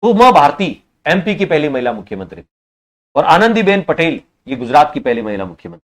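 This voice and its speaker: With big swings in a fairly high pitch, this man runs an online exam-prep session where he questions students and echoes each answer. Slow responses occasionally earn a scolding.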